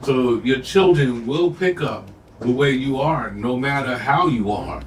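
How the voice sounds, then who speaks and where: An older man, a podcast co-host, telling family stories in a relaxed, reflective way, with lots of "you know"s. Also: medium pitch, unhurried, slight background noise. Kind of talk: casual chat. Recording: echoey room, mic at a distance.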